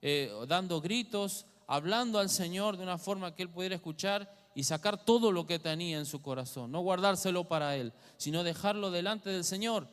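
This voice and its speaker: A man's voice: high-pitched, moderate pace, hardly any pauses, fairly bright tone, smooth. A man with an Argentine Spanish accent preaching a teaching sermon in church, asking the congregation questions as he goes. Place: church hall. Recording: long hall reverb.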